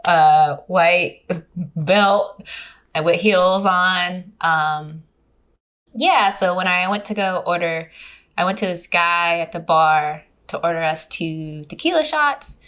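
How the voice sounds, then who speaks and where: A woman's voice: fairly low pitch, takes it slowly, clean tone. A young woman guest on a podcast, telling a dating story in casual chat and laughing often. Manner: giggly, animated storyteller. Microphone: remote recording.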